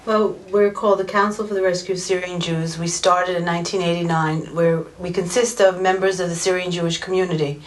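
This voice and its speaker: A woman's voice: lowish voice, flat delivery, fairly quick, few pauses. A woman leading a community organization, explaining its work earnestly in an interview. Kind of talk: interview answers.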